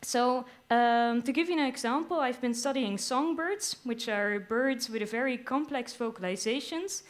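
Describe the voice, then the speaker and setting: A young woman with a fairly high voice talks on a live stage, explaining her science to a crowd with enthusiasm. She delivers it as a lively, explanatory talk, with playful little asides. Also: normal speed. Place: live stage at a theater venue.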